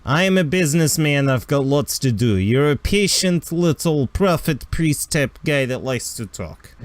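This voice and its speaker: A man's voice: fairly high pitch, animated, unhurried, no room sound. A man voicing a shady, impatient businessman smuggler who talks in clipped, broken English in a tabletop game. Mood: brusque, impatient. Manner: clipped, dropping articles, impatient.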